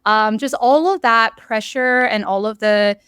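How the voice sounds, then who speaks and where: A woman's voice: a little high, a little slow, a bit bright, clean tone, no room sound. A young woman from South Korea, a podcast guest telling her story earnestly, with many ums and likes. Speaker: podcast guest, real estate investor. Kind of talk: casual interview storytelling.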